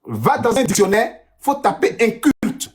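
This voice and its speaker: Man, TikTok debater, lecturing and insistent, very animated intonation. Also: very high voice, measured pace. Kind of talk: heated live-stream argument.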